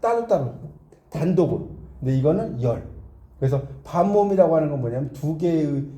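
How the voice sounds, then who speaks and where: Lively, dark-toned man giving a language lecture. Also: on the high side, brisk, roomy sound. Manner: animated, repeats himself, corrects his own slips. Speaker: tutor. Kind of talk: exam-prep lecture.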